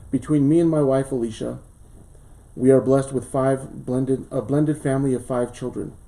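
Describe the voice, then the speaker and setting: A school board candidate from southern Colorado, a man in his late thirties, reads a formal campaign speech and earnestly answers interview questions, with pauses and fillers. His mid-range voice is mellow, and the small-studio recording is rough.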